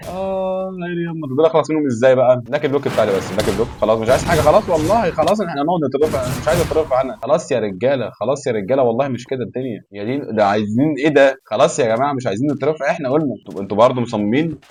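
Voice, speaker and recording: A young man with an Egyptian Arabic accent talks through his game at a very fast clip. He sounds exasperated, swearing and pleading with the game. A faint noise sits behind his voice. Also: medium pitch. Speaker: gaming YouTuber. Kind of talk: live gameplay commentary.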